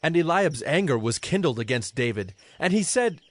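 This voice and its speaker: A man narrating scripture from a script in a measured, formal manner. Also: a little high, very animated.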